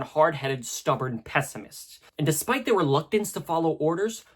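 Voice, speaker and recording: A man with a husky voice narrating a scripted video essay in a conversational, analytical way, with casual asides. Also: on the high side.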